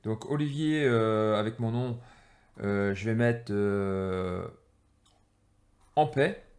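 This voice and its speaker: A man teaching an energy-healing exercise while drawing, speaking haltingly with many pauses and fillers, tired and irritated. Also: fairly low pitch, a little mellow. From France.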